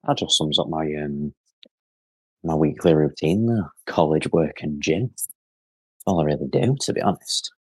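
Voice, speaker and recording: A man's voice: extremely low pitch, normal speed, long pauses, darkish tone, breathy edge, no echo. A young man, a podcast co-host rambling through a funny story with lots of fillers and swearing. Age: young adult. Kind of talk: casual chat and anecdote.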